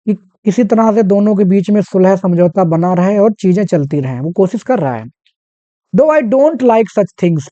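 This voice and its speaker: A literature teacher with a mellow, soft-edged voice works through a poem line by line. Each English verse line is read out slowly and deliberately before being explained in Hindi sprinkled with English. The recording sounds dull and muffled, with a dry, close sound. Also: medium pitch, dry recording.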